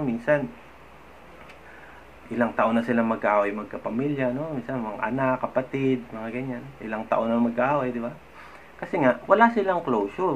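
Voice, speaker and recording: A man, talking casually to camera as a vlogger and giving advice on managing anger. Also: mid-range voice. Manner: chatty, often adds "no?" and laughs softly. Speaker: vlogger giving mental health tips. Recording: slightly dull, faint background noise.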